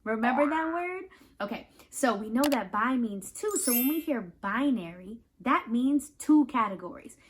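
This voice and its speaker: A high-voiced woman hosts and teaches as she reads a picture book aloud to children, her pitch rising and falling widely while she explains things step by step. She's animated and talks directly to listeners, checking in with simple questions, at a moderate pace with a little hiss or hum.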